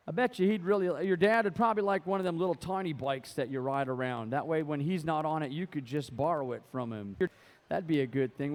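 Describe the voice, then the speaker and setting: A man doing live race play-by-play as an announcer, in a folksy, slangy, rolling patter. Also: a little high.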